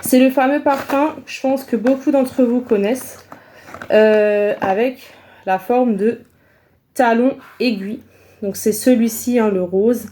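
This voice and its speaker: A woman's voice: on the high side, measured pace, dark tone. A young woman from Alsace chatting casually in a beauty haul vlog, rambling with lots of fillers and repeated words, friendly and enthusiastic. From Alsace, France. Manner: rambling, many fillers and repetitions. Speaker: beauty vlogger.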